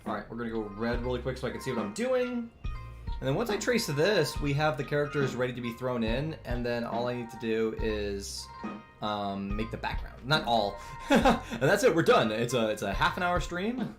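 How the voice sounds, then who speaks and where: Drawing live on stream, a young man in his twenties chats in a mid-range voice with lively intonation and a moderate pace. He's rambly, restarting often, using lots of fillers and laughing softly now and then, over faint background music.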